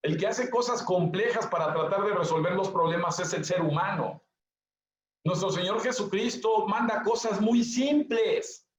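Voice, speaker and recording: A man's voice: high voice, normal speed. A male pastor preaching a sermon, stressing points through repetition and speaking straight to his listeners. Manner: emphatic repetition, addresses listeners directly. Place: church hall. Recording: echoey, dull lo-fi church recording.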